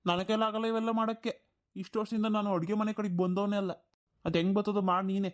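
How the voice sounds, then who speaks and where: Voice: mid-range voice, level tone, fast, lightly acted. A performer doing a whiny, lazy grown son. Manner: whiny, complaining. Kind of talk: cartoon voice acting.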